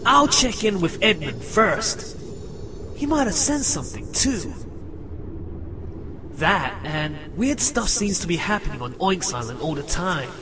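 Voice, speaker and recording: A man voicing an eager, earnest young hedgehog hero in an animated comic dub. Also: high voice, measured pace, background noise. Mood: musing. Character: eager young heroic hedgehog apprentice, boyish and brash. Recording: music behind the voice.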